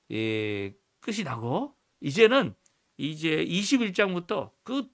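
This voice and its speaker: Male pastor, gravel in the voice, pitch a touch high, earnest sermon delivery. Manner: earnest teaching tone, rising emphasis, frequent restarts. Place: church, morning prayer livestream.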